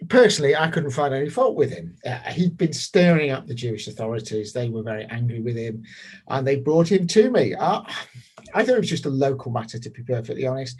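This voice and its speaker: An actor plays a Roman governor testifying in court, casually callous and self-justifying, hesitant and dismissive in a conversational way. He sounds defensive as he explains, his male voice on the high side, a little mellow with a breathy edge.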